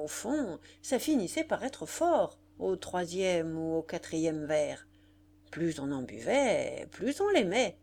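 A woman narrates a literary audiobook at an unhurried pace. Her pitch rises and falls in lively arcs, giving each sentence a careful, expressive shape. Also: a little hiss or hum. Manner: measured, expressive reading.

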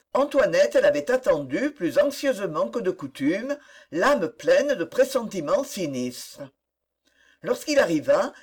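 An audiobook narrator tells a historical novel in a husky voice with lively, wide-ranging pitch. The reading is measured and expressive throughout.

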